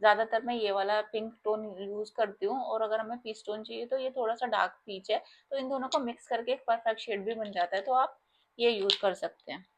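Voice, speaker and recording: A woman's voice: fairly high pitch, fairly even intonation, fairly quick. A young Indian woman, a makeup artist, talking casually and explaining her products step by step to viewers.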